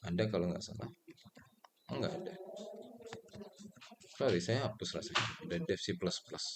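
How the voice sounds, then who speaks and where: A man, speaking in a lowish register, teaches programming in a loose, chatty way. He puts questions to the class and answers them himself, with plenty of fillers along the way. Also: moderate pace, heavy background noise. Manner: relaxed and conversational, with frequent fillers and self-corrections. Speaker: programming lecturer. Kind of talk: casual spoken lecture.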